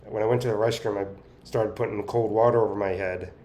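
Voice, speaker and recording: A man giving a casual, halting personal update, with effortful, impaired articulation as he talks biting down on a straw held in his teeth. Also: on the low side, fairly even intonation, dark tone, a little hiss or hum. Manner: talking through clenched teeth, biting on a straw. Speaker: vlogger sharing speech progress.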